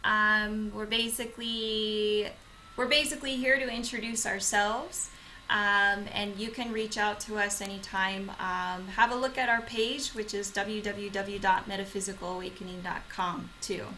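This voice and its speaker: A woman's voice: medium pitch, fairly even intonation, measured pace, sharp tone, slight background noise, low-quality recording. A young woman co-hosting a channel, introducing herself in casual talk with many hesitant fillers and restarts. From Okinawa, Japan; grew up in the United States. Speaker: channel co-host. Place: home in Madrid.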